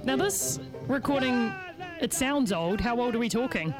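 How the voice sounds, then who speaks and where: A woman's voice: a little high, expressive, moderate pace. Upbeat New Zealand woman radio host. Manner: upbeat, laughing, conversational. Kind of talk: radio chat. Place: radio studio. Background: music playing.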